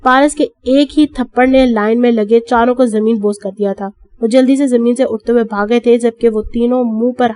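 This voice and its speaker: Slightly high woman narrating an audiobook. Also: a little mellow, dry recording.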